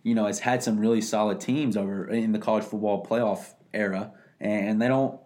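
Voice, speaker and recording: A man's voice: on the low side, fairly even intonation, moderate pace, a little mellow. A man co-hosting a casual sports talk show, an enthusiastic fan making confident predictions, often repeating words. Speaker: sports podcast co-host.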